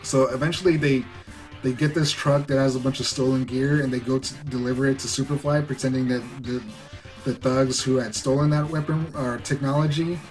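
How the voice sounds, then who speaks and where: A man's voice: medium pitch, fairly even intonation, fairly quick, darkish tone, soft background music. A man recapping a movie in a casual, rambling way, full of "like" and "you know.". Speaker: movie reviewer.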